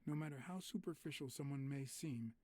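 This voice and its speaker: A man's voice: mid-range voice, a little fast, darkish tone, dry recording, natural voice. A man voicing a wry cat detective. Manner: dry, wry inner monologue. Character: wry male cat detective narrating his thoughts. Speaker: video game character. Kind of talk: noir game narration.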